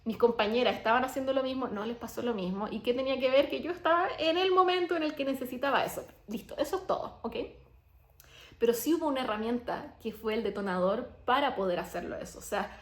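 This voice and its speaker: A young adult woman and coach telling her personal story in a chatty, animated way, full of "o sea" and "como". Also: on the high side. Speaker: abundance coach and podcaster. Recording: roomy echo.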